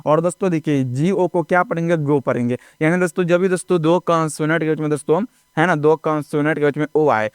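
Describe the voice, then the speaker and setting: A man's voice: fairly high pitch, fairly even intonation, quick pace, clear, resonant tone, no echo, clean studio sound. A man teaching English phonics step by step, spelling words out letter by letter and often checking in with "ठीक है ना". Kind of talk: classroom-style phonics lesson.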